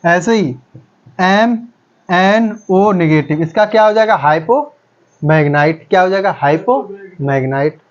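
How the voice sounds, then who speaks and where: A man's voice: on the high side, normal speed. Man, chemistry lecture, keeps asking and repeating answers, muffled lo-fi recording. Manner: repeats each term back as a quiz question. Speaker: chemistry teacher. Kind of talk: classroom lecture with call-and-response questions.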